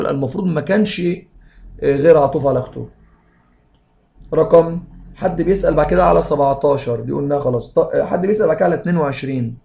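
A man with an Egyptian Arabic accent, teaching English grammar and reading sentences slowly before explaining them quickly. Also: fairly high pitch, creaky, a little mellow.

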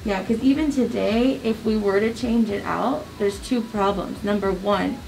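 A woman's voice: medium pitch, moderate pace, gravelly, darkish tone, a little hiss or hum, rough recording. A woman dentist talking through a face mask, explaining treatment to a patient in an easygoing, chatty way with many filler words. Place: dental office.

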